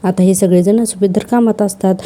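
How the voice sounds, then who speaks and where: A woman's voice: mid-range voice, steady tone, a little fast, warm tone. A woman retelling a TV serial episode scene by scene, reading out each character's lines.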